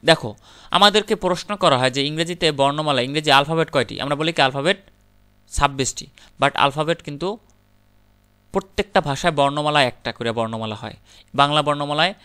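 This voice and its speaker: A man teaches English grammar in a bright, ringing voice that is crisp and clear. He pitches a little high for a man. He breaks every point into small steps, asks the class a question and answers it himself, and slips English terms into his explanations. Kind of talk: classroom lecture.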